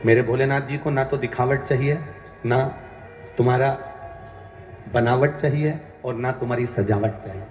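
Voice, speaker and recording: A man's voice: medium pitch, fairly even intonation, normal speed, long pauses, a little mellow. Man preaching emphatically in an echoey hall. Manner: repetitive, emphatic, exhorting listeners. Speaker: preacher giving a religious discourse. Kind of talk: devotional sermon with sung verses. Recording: echoey hall with music behind.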